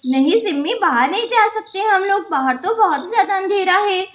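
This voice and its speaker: A woman's voice: extremely high pitch, animated, normal speed, fairly bright tone. A woman voicing a cautious, sensible young village girl who gives warnings, in a doll-play story. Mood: earnest.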